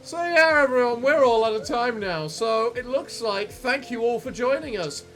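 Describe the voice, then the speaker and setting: High-pitched, animated male gaming host. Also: moderate pace, soft background music. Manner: rambling, theatrical sign-offs. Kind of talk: casual let's play commentary.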